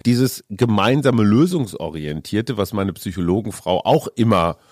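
A man's voice: lowish voice, animated, a little slow, darkish tone, no echo, studio quality. A man co-hosting a casual talk show who hesitates and searches for words as he speaks. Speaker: podcast co-host.

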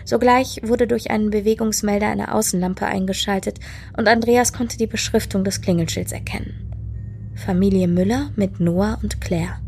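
A woman narrating a story in a steady, measured way. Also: mid-range voice, creaky, soft background music. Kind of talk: storybook reading.

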